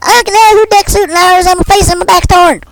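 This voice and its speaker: A man putting on the voice of a frantic, excitable woman who talks in a shrill, gravelly, garbled rush. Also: normal speed, dry recording, full character voice. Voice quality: shrill, gravelly, hard to understand.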